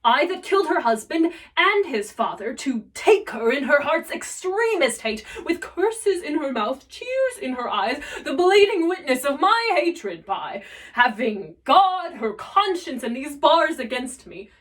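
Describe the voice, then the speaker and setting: Lady doing a scheming shakespeare villain guy, theatrical and self-mocking, slow drawn-out lines, bit far from mic. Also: high voice, very animated, fairly bright tone, full character voice. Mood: gloating disbelief. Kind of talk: classical Shakespearean stage soliloquy. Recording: voice distant from the mic.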